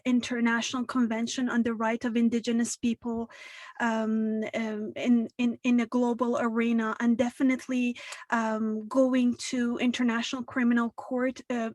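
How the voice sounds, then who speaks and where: Woman w a high voice on a video call, slow careful talk full of ums, dry sound. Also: darkish tone, no echo. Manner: measured, hesitant with many fillers. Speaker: panelist. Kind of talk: online panel discussion.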